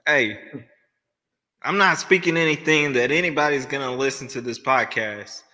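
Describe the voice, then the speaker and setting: A man's voice: mid-range voice, normal speed, bright, forceful tone, big-room sound. A man from Louisiana in casual podcast chat, speaking earnestly and preachily. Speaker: podcast guest, musician.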